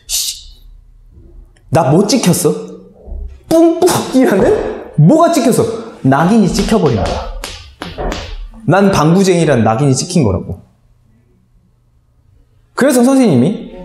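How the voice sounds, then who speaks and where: A man's voice: a little high, warm tone. A man teaching an online lesson, telling a playful story and quizzing his viewers with questions as he goes. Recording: echoey room.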